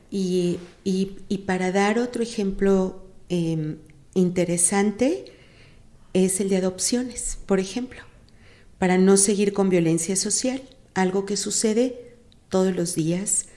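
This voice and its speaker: A Mexican woman, a psychologist and institute director, giving measured explanations in an interview. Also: mid-range voice, warm tone.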